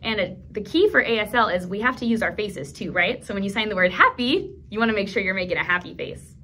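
With a mid-range voice and a quick pace, a woman in her thirties leads a children's storytime at a library, giving instructions to toddlers and caregivers. She stays animated and encouraging, keeping her words simple and clear for young kids. The small indoor room carries a little hiss or hum.

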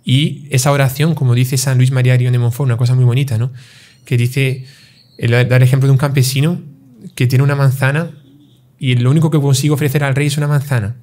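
Calm, mellow-voiced priest explaining. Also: male voice, mid-range voice. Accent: Spanish-speaking. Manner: calm, measured, teaching with parables and rhetorical questions. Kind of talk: explanatory religious talk.

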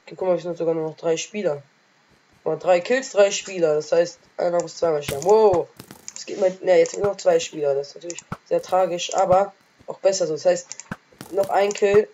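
A woman commentates her own game in a let's play, trash-talking her opponents with excitable energy. Her voice sits a little low and has a dark, mellow tone. She has a sore throat and coughs often, with faint noise behind her. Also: a little fast.

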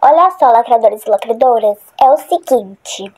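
A high-pitched woman talks her way through a horror game for her viewers. She rambles freely and startles easily. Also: expressive, moderate pace, darkish tone. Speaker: gaming channel host. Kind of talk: casual gameplay commentary.

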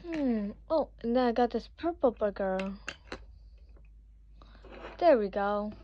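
A woman chatting casually as she sets up a dollhouse, with excited little exclamations. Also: on the high side, slow. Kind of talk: casual toy play commentary. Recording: dull lo-fi sound with clear background noise.

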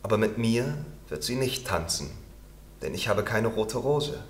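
A man's voice: lowish voice, animated, a little slow, reverberant. A man doing a lovesick young student. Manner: fervent, lamenting.

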